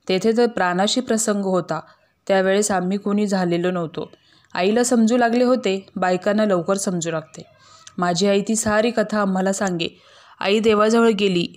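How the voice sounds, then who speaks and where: A woman reads a tale aloud as a storyteller, measured and steady from line to line. Her voice sits at an ordinary middle pitch for a woman. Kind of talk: scripted narration.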